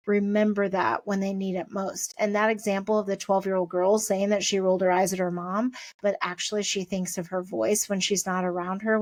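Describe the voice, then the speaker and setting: A woman's voice: medium pitch, darkish tone, no echo. Middle-aged lady podcast host, chatty pep talk, easygoing and encouraging, talks it all through.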